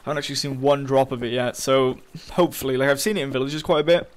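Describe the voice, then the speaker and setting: A man's voice: mid-range voice, steady tone, fast. A young man giving casual, frustrated commentary while playing a game, swearing often and talking to his viewers. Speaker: gaming channel host.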